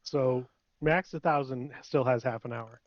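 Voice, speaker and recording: A man's voice: medium pitch, measured pace, dry recording, muffled recording. A man playing a tabletop game, practical and planning the party's next moves. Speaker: player. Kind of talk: casual tabletop game play.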